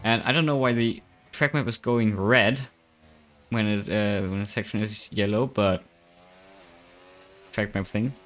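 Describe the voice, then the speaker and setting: A man's voice: on the low side, steady tone, unhurried, pauses often, a bit bright. A young man commentating a sim racing qualifying session on a live stream, chatty and self-mocking, thinking aloud into a desk microphone.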